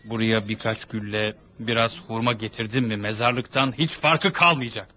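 A man's voice: fairly low pitch, fairly even intonation, normal speed, sharp tone, lo-fi sound. An actor voicing a young male warrior in a dubbed period drama, blunt and impatient with his grieving family. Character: young male warrior, defiant son and nephew.

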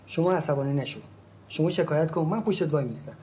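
A man's voice: on the high side, noisy background, close to an everyday voice. An actor playing a middle-aged male real estate agent, by turns soothing and threatening. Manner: soothing, then blustering and threatening.

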